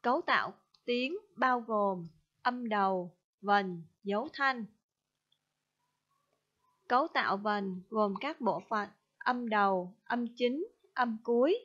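Vietnamese lady teacher, super slow and careful, kinda high voice, muffled lo-fi audio. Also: a bit bright. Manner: slow, careful dictation-style explanation. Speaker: primary school teacher. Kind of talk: recorded online spelling lesson.

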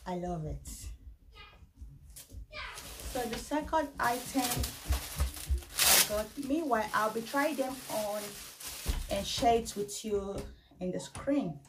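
Slow-talking woman vlogger at home. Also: a little high, expressive. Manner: unhurried, halting, with frequent fillers. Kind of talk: casual try-on haul vlog. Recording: faint background noise.

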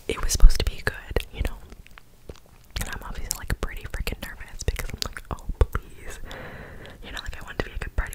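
A woman in her twenties whispering breathily through cupped hands close to the microphone, telling a casual, rambling ASMR story. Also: rough recording. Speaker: ASMR video creator. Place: small bedroom, indoors. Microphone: close desktop condenser microphone.

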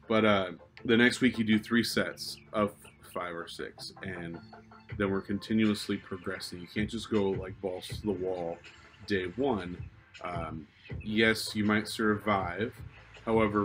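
A man's voice: fairly low pitch, a bit bright. A man in his thirties, a fitness coach chatting casually on a livestream from his open home garage, rambling and swearing easily. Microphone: webcam on a table.

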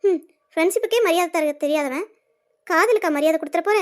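A woman voicing a sharp-tongued, resentful young woman in a cartoon serial, cutting and scornful. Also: very high voice, fast.

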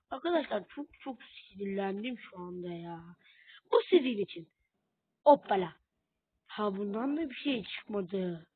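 A woman's voice: medium pitch, breathy edge. A young woman doing casual commentary while opening game boxes, talking straight to her viewers in a frustrated, exclaiming way. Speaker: gaming YouTuber. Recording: tinny phone-like audio, dry.

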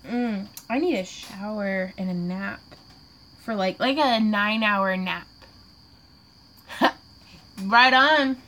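A woman's voice: mid-range voice, slow pace, long pauses, pushed and bright, slight background noise. A woman, chatting and laughing a lot while crafting on a live Q&A, a little tipsy. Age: 20s. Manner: giggly and rambling, laughs often. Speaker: craft vlogger hosting a live Q&A. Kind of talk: casual livestream chat while crafting.

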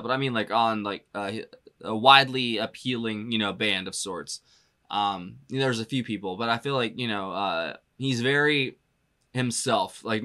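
A man's voice: medium pitch, sharp tone. A man talking loosely through a casual music reaction as a drummer, filling his speech with "you know" and "like" and laughing often as he goes.

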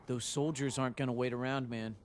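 A man's voice: mid-range voice, fairly even intonation, a little fast, lightly acted. An actor playing a laid-back young male survivor who scavenges, speaking casually in a game.

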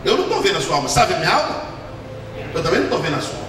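A Brazilian man preaching a sermon with fervor, swinging from low murmurs to shouted peaks. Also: sing-song, very fast. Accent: Brazilian Portuguese. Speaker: pastor. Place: large church hall. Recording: echoey hall, distant mic, background noise.

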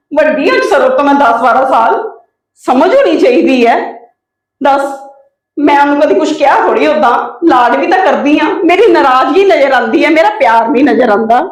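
A woman's voice: high-pitched, echoey room. A woman acting as a stubborn unmarried sister-in-law who feels wronged by her family, speaking defensively and pleading her case in a family drama. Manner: defensive, pleading and self-pitying.

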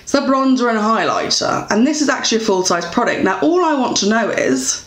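A woman's voice: a little high, expressive, brisk, a little hiss or hum. Young woman, English accent, casual beauty vlog, chatty and rambling, roomy echo. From England. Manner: chatty, rambling, many fillers and self-corrections. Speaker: beauty vlogger. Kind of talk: casual product review. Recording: echoey room.

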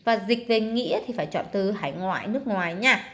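A tired English teacher with an expressive, medium-pitched voice talks quickly through workbook exercises step by step. She draws out words, stresses syllables, and uses lots of fillers.

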